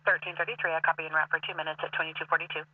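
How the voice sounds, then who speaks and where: A man dispatching calls over police radio, his voice thin and phone-like as if picked up from across the room. He rattles off numbers and addresses quickly in short, clipped bursts. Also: a little high, level tone, distant mic. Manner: clipped, rapid call-sign delivery. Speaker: emergency dispatcher. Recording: tinny radio scanner audio from afar.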